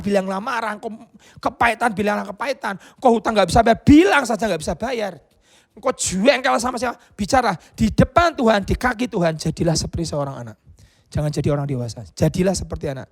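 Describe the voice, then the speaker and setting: Animated high-voiced preacher man. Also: gravelly. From Indonesia. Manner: animated storytelling preacher, mixing in English phrases; acts out child's voice in high pitch. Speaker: pastor. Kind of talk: sermon.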